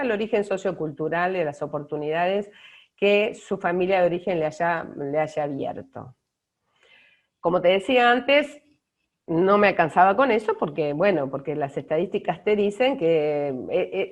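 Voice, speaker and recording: A middle-aged woman with an Argentine Spanish accent, answering interview questions thoughtfully with pauses and restarts. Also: fairly low pitch, darkish tone. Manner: thoughtful, many fillers and restarts. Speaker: author being interviewed. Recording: dull lo-fi audio.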